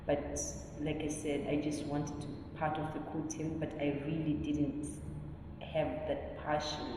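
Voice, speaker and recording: Woman guest from Zimbabwe, low voice, long room reverb. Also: monotone, measured pace. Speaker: guest, PhD candidate in agricultural science. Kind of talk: podcast interview. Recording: echoey room, mic at a distance, noisy.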